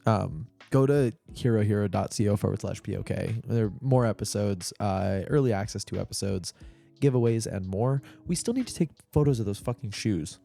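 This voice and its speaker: A man's voice: lowish voice, moderate pace, vocal fry, dark tone, faint music behind. A man co-hosting a podcast in casual chat, joking and swearing with frequent laughter. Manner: joking, profane, laughs often. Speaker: podcast co-host.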